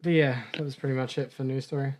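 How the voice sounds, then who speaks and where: A man co-hosting a gaming podcast in casual chat, upbeat and joking, briskly reading through lists of game updates. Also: medium pitch, fairly even intonation, slight background noise. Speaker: podcast co-host reading news.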